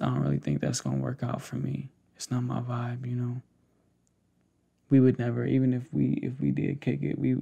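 Very creaky and gravelly, this mid-pitched, dark-toned voice belongs to an American ASMR creator in his 20s or 30s doing a roleplay. He murmurs a soft, unhurried monologue to one listener, hesitating and pausing, close to a pop-filtered desktop condenser mic set up in a small room with a cloth backdrop.

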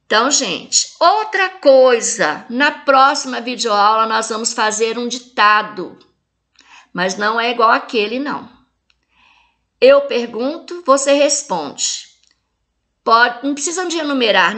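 A woman teacher with a Brazilian Portuguese accent records a video lesson for young children, explaining the homework one numbered step at a time. Her voice is bright and a little high. She speaks to the pupils affectionately. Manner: clear step-by-step instructions. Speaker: primary school teacher.

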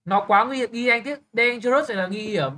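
A young man tutoring English, briskly quizzing a student with quick questions and blunt, teasing remarks. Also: very high-pitched, pushed and bright. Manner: brisk, keeps checking understanding with quick questions. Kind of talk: live tutoring lesson.

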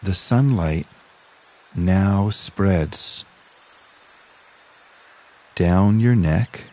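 Speaking in a low voice, a man leads a scripted guided relaxation. The delivery is calm, soothing, and measured, with long pauses.

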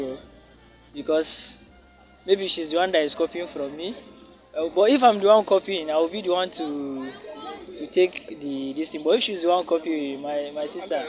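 A man's voice: on the high side, poor audio. A young man student answering outdoors, hesitant and reasoning aloud with fillers. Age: young adult. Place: outdoors on campus.

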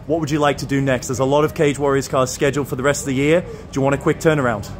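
A man's voice: mid-range voice, fairly even intonation, very fast. A man interviewing as a sports reporter, articulate and complimentary. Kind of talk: interview questions and commentary. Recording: faint background noise.

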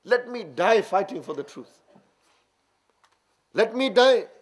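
A preacher voicing a brave ill son pleading. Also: male voice, high voice, expressive, slow pace, husky, exaggerated voice. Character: ill young man, brave and devoted son.

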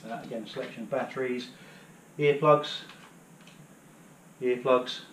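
A man's voice: medium pitch, fairly even intonation, measured pace. British guy in his 30s chatting through his hiking kit, lots of ums, roomy echo and some background noise, camera sitting a way off on the floor. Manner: chatty, rambling, many fillers. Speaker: outdoor gear vlogger. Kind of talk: casual demonstration. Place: living room at home, kneeling on floor. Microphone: camera on the floor a few metres away.

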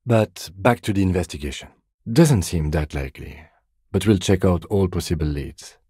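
In video game character dialogue, a male actor plays a composed, dry-witted, by-the-book middle-aged police detective, speaking in a measured, precise, deadpan manner with a serious mood. His voice sits low and husky, with no room sound.

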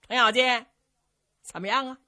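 A woman voicing a shrewd, stern male strategist who speaks in a measured, scolding way. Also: a little high, sharp tone, voice pushed up.

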